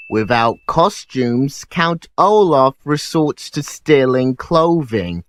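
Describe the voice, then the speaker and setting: A man's voice: fairly high pitch, fairly bright tone. A man hosting a sarcastic commentary over clips, mocking what he sees. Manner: snarky, mocking, unhurried. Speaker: host.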